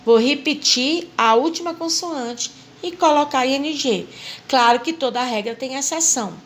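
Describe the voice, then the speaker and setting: High-voiced woman teaching patiently. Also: moderate pace, slight background noise. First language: Portuguese. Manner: patient, spells out rules step by step and repeats them. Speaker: English teacher. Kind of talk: recorded class lesson.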